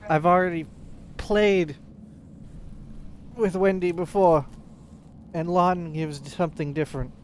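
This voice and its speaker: A man's voice: a little high, steady tone, slow, pauses often, slight background noise. A man giving casual gameplay commentary with dry, teasing banter. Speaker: gamer playing and commenting.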